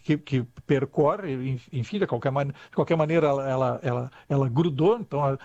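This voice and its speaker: In a brisk, medium-pitched, darkish voice, an older guest expert from Rio Grande do Sul, Brazil, rambles through a conversational interview full of restarts and "tá?" tag questions. The dull, lo-fi recording is dry.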